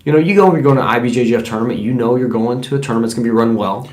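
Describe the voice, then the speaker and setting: A man with a Southern US accent co-hosting a casual podcast, relaxed and swearing casually. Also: mid-range voice, very fast.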